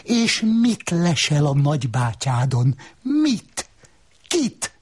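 A man voicing a scornful, sharp-tongued woman who needles with mocking questions in a literary reading. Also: on the high side, sing-song, husky, pitched above the performer's own voice. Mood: taunting.

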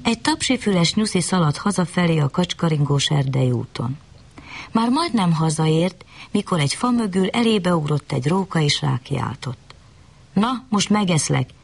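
A woman reading a children's bedtime story aloud, gentle and lively. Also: sits low, vocal fry, slightly rough.

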